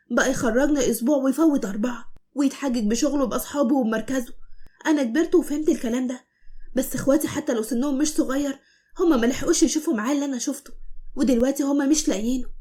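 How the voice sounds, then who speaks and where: A woman's voice: high voice, very fast, dark tone, close to an everyday voice. A woman voicing a tearful eldest daughter, a university student, in an Egyptian cartoon story. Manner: tearful, pleading.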